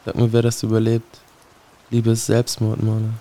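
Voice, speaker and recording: Man, spoken-word poetry, solemn, brooding, dark tone, monotone delivery. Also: on the low side, normal speed. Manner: solemn, brooding, addresses a listener directly.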